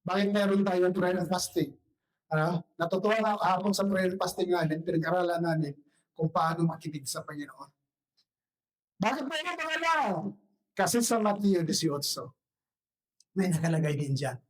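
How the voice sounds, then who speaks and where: A hoarse man preaching at a church service, his voice worn from shouting. He keeps throwing questions at the congregation and moves between Tagalog and English as he goes. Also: sits high, animated, normal speed, low-quality recording. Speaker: pastor.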